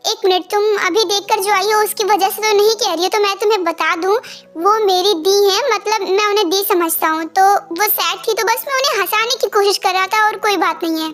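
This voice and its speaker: A woman voicing a coaxing young boyfriend, very high voice. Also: a little fast, fairly bright tone. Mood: pleading. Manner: coaxing, pleading tone. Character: young man, boyfriend, easygoing and apologetic. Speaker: fan dubber. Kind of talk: amateur Hindi fan dub. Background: faint music.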